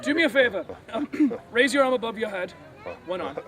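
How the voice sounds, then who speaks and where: A man's voice: high voice, animated, moderate pace, heavy background noise. A man narrating a comic play to a crowd outdoors, playful and giggly, feeding lines for volunteers to repeat. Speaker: street performer narrating a play. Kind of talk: comic improvised storytelling to a crowd. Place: outdoor fair stage.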